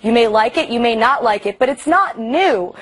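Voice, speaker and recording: Woman, dry sarcasm, husky voice, slightly high, studio panel. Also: expressive, normal speed. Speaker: talk show panelist. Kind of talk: opinion on a comic panel. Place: television studio.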